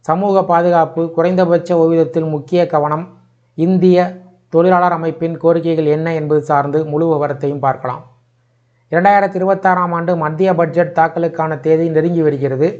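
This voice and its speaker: Flat-voiced man reading news, lo-fi. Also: on the high side, a little fast. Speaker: news narrator. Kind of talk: read news narration.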